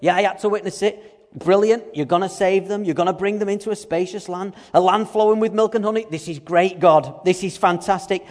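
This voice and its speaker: A man's voice: sits high, fairly quick, darkish tone, voice pushed up, lightly acted. A male preacher acting out a reluctant, stammering shepherd who is anxious and protests, first with sarcasm and then pleading. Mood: sarcastic. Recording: long hall reverb.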